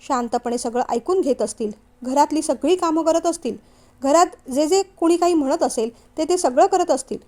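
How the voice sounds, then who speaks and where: Lady reading frank nervous young bride, high voice, audio novel. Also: a little mellow, lightly acted. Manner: worried, frank. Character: young woman, outspoken, anxious bride-to-be.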